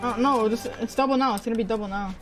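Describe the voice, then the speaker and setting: A woman chatting casually while gaming, excitable, swearing and repeating words in quick bursts. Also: a little high, over music. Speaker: gamer. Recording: clear game gunfire behind voice.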